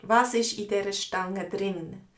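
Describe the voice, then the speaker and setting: Slow-spoken Swiss woman teaching. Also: mid-range voice, reverberant. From Switzerland. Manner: slow, explanatory, repeats words for learners. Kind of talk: live online language lesson, reading viewer comments.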